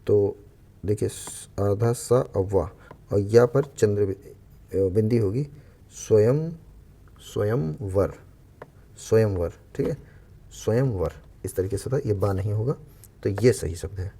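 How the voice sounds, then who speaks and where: Low gravelly guy teaching spelling for exams, repeats every word slowly, bit of noise behind. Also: warm tone. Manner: explains step by step, repeats each word slowly. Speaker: Hindi exam coach. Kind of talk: spelling lesson for exam aspirants.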